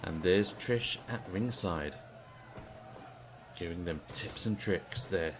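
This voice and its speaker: A British man giving casual play-by-play commentary on a video game wrestling stream, chatty and relaxed. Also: sits low, slow, over music. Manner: chatty, relaxed, asks the audience.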